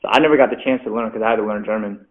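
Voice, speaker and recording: A rapper whose native language is Mandarin chats casually as a guest over a video call that sounds phone-like, speaking very fast in a fairly low voice. He fills his talk with "like" and small self-deprecating laughs.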